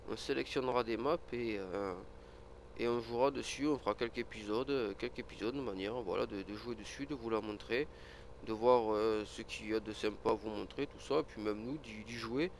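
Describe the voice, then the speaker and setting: Brisk and fairly low-pitched, a gaming video creator with a cold sniffles through casual farming game commentary. He rambles, full of fillers and restarts, over a faint hiss or hum.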